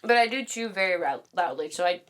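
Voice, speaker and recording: A young woman co-hosting a casual podcast, outspoken and animated, swearing freely as she talks. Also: on the low side, fairly quick. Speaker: podcast co-host. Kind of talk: casual chat.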